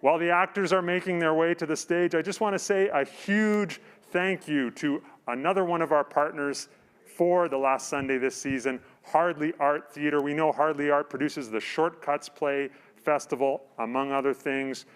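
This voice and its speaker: A man's voice: on the high side, steady tone, moderate pace, clear, resonant tone. Upbeat man hosting a live stream. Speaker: host.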